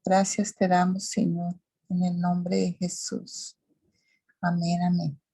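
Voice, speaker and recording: A woman's voice: on the low side, takes it slowly, slightly rough, rough recording. A woman leading an earnest spoken prayer, repeating her words of thanks. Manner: earnest repetitive prayer, flat delivery. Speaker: group member leading prayer.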